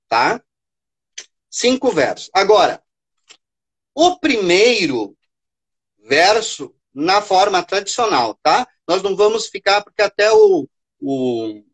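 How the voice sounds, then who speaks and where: A woman from Brazil leading a live teaching session for teachers, patient, checking in often and counting syllables aloud. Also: on the low side. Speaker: teacher presenting a workshop for teachers.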